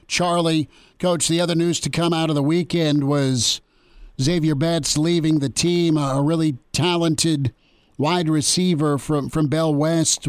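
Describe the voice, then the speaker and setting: A man's voice: on the high side, clear, resonant tone, no echo. A man hosting a sports talk radio show, upbeat and conversational as he welcomes a guest. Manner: upbeat, conversational, quick asides. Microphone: studio mic, dry.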